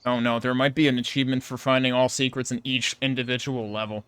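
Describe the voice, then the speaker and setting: A man's voice: medium pitch, little pitch movement, fast, a bit bright, smooth. A man giving casual gameplay commentary, thinking aloud in a critical, analytical way. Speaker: video game player and commentator. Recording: game music behind the voice.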